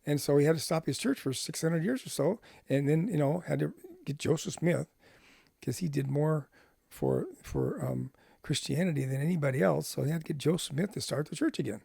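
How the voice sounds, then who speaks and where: A man's voice: on the high side, sing-song, brisk, vocal fry, warm tone, slightly rough, no echo, clean studio sound. A middle-aged man telling a personal testimony story, acting out both sides of old conversations. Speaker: ministry speaker.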